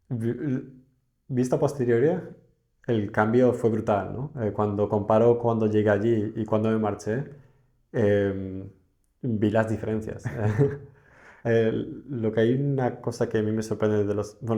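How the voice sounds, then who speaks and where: A man's voice: fairly low pitch, warm tone. A young man from Spain, a podcast guest, talking casually and reflectively with frequent hesitations. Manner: reflective, hesitant with many fillers. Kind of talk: casual interview conversation.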